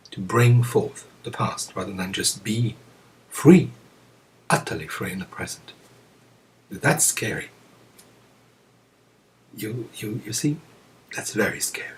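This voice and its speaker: Man, Zen teacher, unhurried and pausing, chuckles between thoughts, distant mic. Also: on the low side. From France. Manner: slow, reflective, with frequent pauses and soft chuckles. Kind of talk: dharma talk to students. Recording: voice picked up from a distance.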